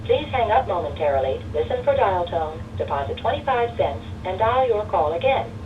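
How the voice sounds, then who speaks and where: A woman's voice: mid-range voice, big pitch swings, normal speed. Give me a woman's recorded payphone call announcement, dull and heard from off the mic. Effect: recorded payphone announcement heard over the phone line. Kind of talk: prompting for coin deposits. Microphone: heard through a payphone handset. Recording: muffled phone line, distant, noisy.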